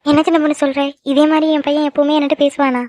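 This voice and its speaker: A woman voicing a tender, emotional middle-aged mother in a cartoon, talking quickly and fondly. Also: high voice, little pitch movement, darkish tone, no echo, natural voice. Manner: affectionate, quick, tearful at times. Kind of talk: cartoon voice acting. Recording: dry, dull lo-fi recording.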